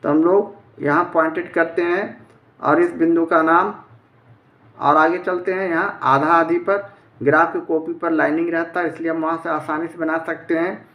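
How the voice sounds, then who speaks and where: A man's voice: fairly high pitch, steady tone, normal speed, a bit bright. A man teaching a step-by-step math lesson, explaining methodically in a plain way. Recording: echoey room.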